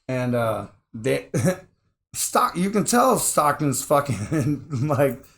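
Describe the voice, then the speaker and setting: Gravelly guy rambling through a story, swears nonstop, does the voices of people he quotes. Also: medium pitch, very animated, extremely slow, fairly bright tone. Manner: rambling, swears constantly, acts out his own quotes. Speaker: interview guest. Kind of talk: casual storytelling.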